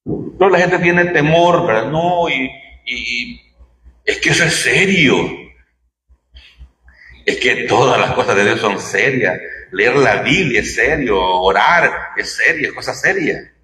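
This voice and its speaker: A man's mid-range voice, pushed and bright, moves slowly and animatedly through a sermon with long pauses. He addresses the church hall conversationally, asking rhetorical questions, and the space echoes.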